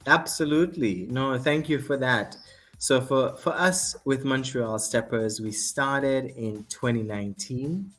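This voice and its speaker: A man's voice: medium pitch, measured pace, fairly bright tone, soft background music. Jovial man with a Kittitian accent. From Saint Kitts and Nevis. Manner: jovial, laughs often, repeats short phrases. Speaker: guest, step dance group director. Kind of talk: casual interview chat.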